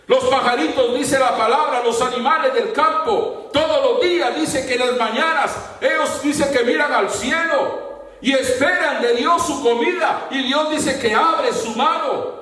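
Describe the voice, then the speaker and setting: A man preaching a fervent sermon to his congregation, at times rising to shouts. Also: extremely high pitch. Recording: very echoey room, mic far off.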